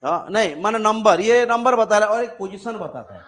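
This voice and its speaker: A man's voice: high-pitched, expressive, a little fast, a bit bright. A man teaching a classroom grammar lesson, with an Indian English accent, explaining through many examples and often checking whether students understand.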